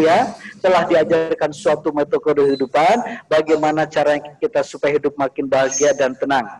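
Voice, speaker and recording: A man with a slightly high voice gives a relaxed religious talk to a small group. He talks in a chatty way and keeps putting questions to his listeners. The sound comes across like a radio broadcast. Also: rough recording. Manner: chatty, repeats "Bu" often, asks listeners questions. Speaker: religious teacher.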